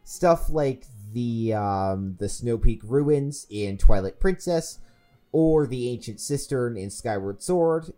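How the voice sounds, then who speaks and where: Mellow-voiced man in casual discussion. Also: medium pitch, expressive, slow pace, faint music behind. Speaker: podcast regular.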